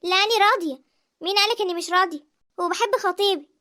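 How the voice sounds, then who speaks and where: A woman voicing Sara, a lively and emotional young village woman in an animated drama, with an Egyptian accent. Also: extremely high pitch, fast, no room sound, studio quality. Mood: defensive. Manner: animated, expressive. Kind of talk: cartoon voice acting.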